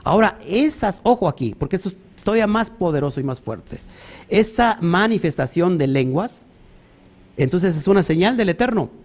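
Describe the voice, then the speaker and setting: A man preaches. His voice sits a little high, and he talks in an animated way, throwing out rhetorical questions and mimicking other people as he goes. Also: moderate pace. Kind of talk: sermon.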